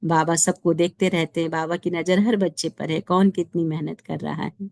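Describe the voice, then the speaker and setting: A woman's voice: fairly low pitch, fairly even intonation, normal speed, vocal fry, a little mellow, dry recording. A woman giving a devotional sermon, explaining patiently and often asking rhetorical questions. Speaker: spiritual teacher explaining a daily lesson.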